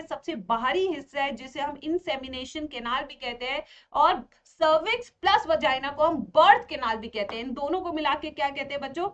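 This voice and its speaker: A woman teaching a biology revision class, animated and playful, constantly asking her students questions and answering them herself, with joking asides. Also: high voice. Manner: playful, mixes in filmi jokes. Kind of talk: exam revision lecture.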